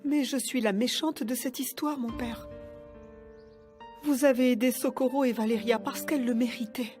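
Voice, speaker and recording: Woman playing a sorry outcast in a soap, high pleading voice, quiet music behind. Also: fairly even intonation, moderate pace, lightly acted. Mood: remorseful, pleading. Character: remorseful, homeless woman begging for pity. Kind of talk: dubbed telenovela drama acting.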